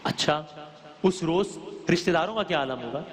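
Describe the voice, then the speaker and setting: A woman's voice: low voice, animated, in a large hall. Earnest woman lecturing on scripture. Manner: earnest, rhetorical questions to listeners. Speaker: religious speaker. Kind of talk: religious lecture explaining scripture.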